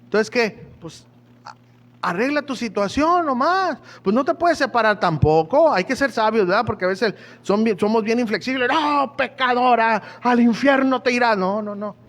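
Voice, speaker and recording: A man's voice: high-pitched, animated, normal speed, fairly bright tone. A man preaching a sermon in a chatty, joking way, often asking his listeners questions. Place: church hall. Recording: echoey church hall.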